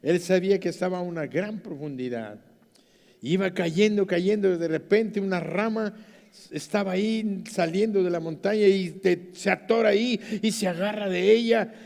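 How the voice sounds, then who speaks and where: A man with a Mexican accent preaching a sermon as pastor, dramatic, swinging from soft to loud. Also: sits high, creaky. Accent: Mexican Spanish. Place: church. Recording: church hall reverb.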